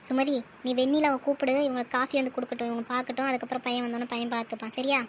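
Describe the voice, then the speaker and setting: A woman voicing a brisk aunt arranging a marriage in a cartoon, talking in an organizing way. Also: high-pitched, level tone, a little hiss or hum, lightly acted. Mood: directing. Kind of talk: cartoon voice acting.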